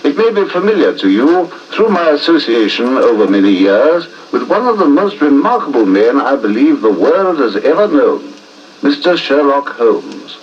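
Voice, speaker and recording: An actor playing a genial, curious gentleman doctor with an English accent in a 1950s radio drama. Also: medium pitch, big pitch swings, moderate pace, recorded from a distance, lightly acted. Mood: reminiscing. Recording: muffled, hissy 1950s radio recording.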